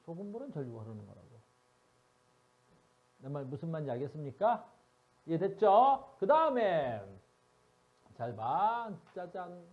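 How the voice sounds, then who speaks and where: A man's voice: on the high side, big pitch swings, moderate pace, pauses often, narrow, tinny audio. A male science teacher giving a classroom lecture, teasing and constantly asking his students questions.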